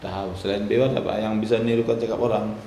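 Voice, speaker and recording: A man teaching Quran pronunciation, slow and patient, chanting drawn-out recitation examples. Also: on the low side, fairly even intonation, vocal fry, mellow. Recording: echoey hall with faint noise.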